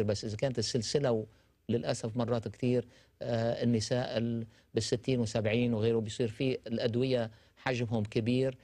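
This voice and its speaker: Doctor explaining on TV. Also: male voice, mid-range voice, darkish tone, no echo. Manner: explanatory, gestures while talking, mixes in English terms. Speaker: doctor guest. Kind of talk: medical talk show discussion. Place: TV studio.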